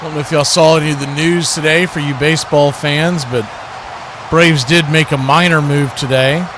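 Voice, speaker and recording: Hosting a watch party stream, a man delivers live football play-by-play at a normal speed, his voice on the high side with a steady tone. Crowd noise fills the background as he frequently rewords his calls mid-play.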